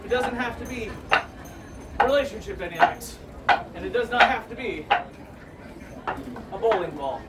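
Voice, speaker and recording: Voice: mid-range voice, animated, normal speed, pauses often. A street performer doing self-deprecating, showman-like comedy patter for a live audience at a Renaissance fair. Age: 30s or older. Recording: distant mic, loud crowd and noise.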